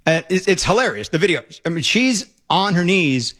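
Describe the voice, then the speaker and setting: A man hosting a talk radio show, delivering opinionated commentary in a sarcastic, mocking, excitable way into a studio mic. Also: high-pitched, moderate pace. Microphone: studio broadcast mic.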